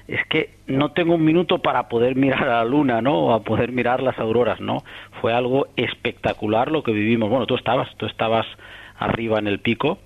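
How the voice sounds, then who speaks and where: A man from Catalonia, an astronomer answering interview questions in a thoughtful, rambling way full of restarts and tag questions. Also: mid-range voice. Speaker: astronomer guest. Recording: muffled radio broadcast.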